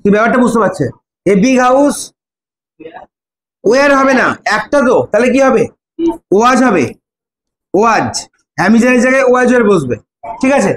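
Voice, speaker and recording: A man's voice: very high voice, lively intonation, moderate pace, pauses often, slight background noise. A young man teaching an English grammar class, calling on students by name and drilling them with repeated prompts. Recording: echoey classroom, faint ambience.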